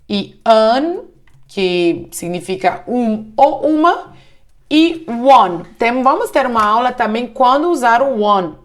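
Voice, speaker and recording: Woman tutor explaining grammar, slightly high voice, slow and careful. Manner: slow, deliberate, checks in with "yes?" and "tá?". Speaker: English teacher. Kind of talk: online grammar lesson in Portuguese.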